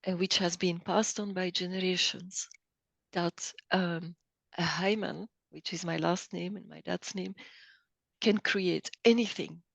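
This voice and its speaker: A middle-aged woman from Belgium, speaking as an interview guest, thoughtful and hesitant with many pauses and restarts. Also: lowish voice, steady tone, vocal fry, dry recording. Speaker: guest, coach. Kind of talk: interview conversation.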